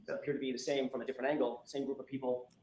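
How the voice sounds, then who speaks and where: Fast-talking male attorney, echoey courtroom recording. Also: medium pitch, flat delivery, a little mellow, slight background noise. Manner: pointed, insistent questioning. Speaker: defense attorney. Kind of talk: courtroom cross-examination.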